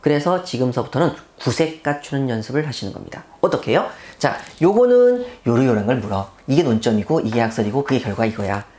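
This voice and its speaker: A woman's voice: rumbling low, animated, quick pace, hardly any pauses, dark tone. A middle-aged woman teaching civil law for exam prep, asking rhetorical questions and answering them herself, with emphatic repetition.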